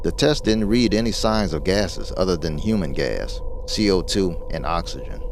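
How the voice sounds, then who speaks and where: A man narrating a first-person animated horror story, voicing every character in quotes himself. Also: normal speed, noisy background. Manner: voices all the characters in quotes, jumping up in pitch for dialogue. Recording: narration over music.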